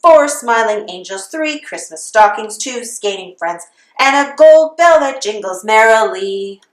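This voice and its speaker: In a roomy echo, a high-voiced woman reads a children's story aloud as if singing a Christmas carol. Her delivery is slow, steady, and expressive, just like a storybook reader.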